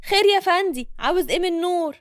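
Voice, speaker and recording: A woman's voice: very high-pitched, animated, quick pace, no room sound, studio quality, pitched above the performer's own voice. A woman with an Egyptian accent voicing a hot-tempered, loyal young woman who talks sharply and scolds. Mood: fiery.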